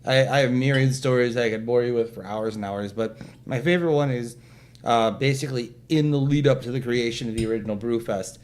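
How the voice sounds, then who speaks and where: A man's voice: medium pitch, fairly quick. A man telling a long story in casual chat, jokey and self-deprecating, acting out quotes. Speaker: event organizer guest.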